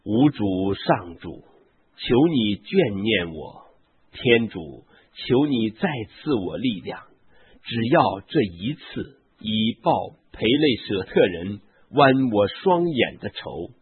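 Samson, a mighty captive strongman, earnest and solemn, as a man reads him. The voice is deeply husky and slow. It sounds thin, as if through a phone. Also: sing-song, phone-quality sound, exaggerated voice. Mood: solemn plea.

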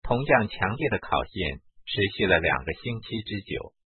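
A man reading a spiritual memoir aloud in the first person, measured and steady. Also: lowish voice, breathy edge, dry recording. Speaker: reader. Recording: tinny narrow-band recording.

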